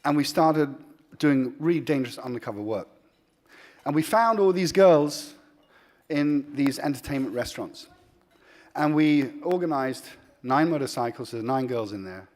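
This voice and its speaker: A man founded a charity and is now accepting an award, speaking earnestly with frequent pauses and restarts. His delivery swings between emphatic and soft, and his medium-pitched voice is expressive.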